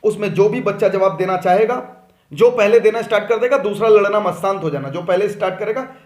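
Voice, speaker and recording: A man's voice: high-pitched, fairly quick, darkish tone, echoey room. A man teaching commerce in an online class, reading case questions and pressing students for answers.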